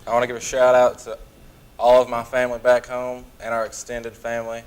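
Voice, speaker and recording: A man's voice: medium pitch, completely flat delivery, fairly quick, clean tone, poor audio. Matter-of-fact young man telling stories. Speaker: guest. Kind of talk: casual chat.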